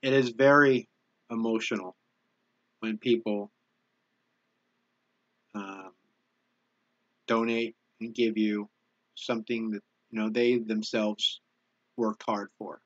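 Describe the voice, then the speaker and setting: A man's voice: lowish voice, fairly even intonation, fairly bright tone, no echo, muffled recording. A man chatting casually on a live stream, thanking viewers for donations and often restarting his sentences. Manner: halting, restarts often, easily moved by donations. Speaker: YouTube channel host reading viewer donations.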